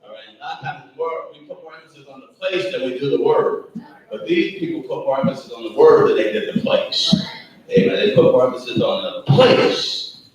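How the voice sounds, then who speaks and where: A man with a slightly high voice and huge pitch swings preaches fairly quickly as a pastor, folksy in manner, often saying "Amen" and chuckling between points. He's recorded from afar in an echoey church room with faint background noise.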